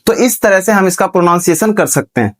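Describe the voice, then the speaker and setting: A man's voice: sits high, animated, quick pace. A male teacher giving a classroom lecture, asking students questions, answering them himself, and spelling words out letter by letter. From Bihar, India.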